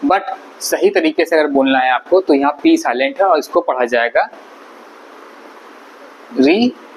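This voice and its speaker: A man with a slightly high voice gives an English pronunciation lesson. He explains patiently, repeating and spelling out each word. Faint background noise runs under the recording. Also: very animated, brisk, creaky, low-quality recording. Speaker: English teacher. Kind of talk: spoken vocabulary lesson.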